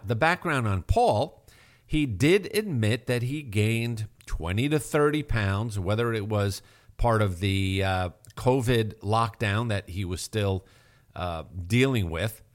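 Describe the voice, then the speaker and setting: A male health show host explaining heart tests in an emphatic manner, asking rhetorical questions. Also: lowish voice. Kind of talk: radio health talk.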